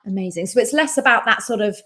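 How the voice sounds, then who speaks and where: A woman's voice: mid-range voice, lively intonation, quick pace, bright, forceful tone. A woman recruiter hosting a podcast interview, encouraging her guest with enthusiasm. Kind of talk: interview host.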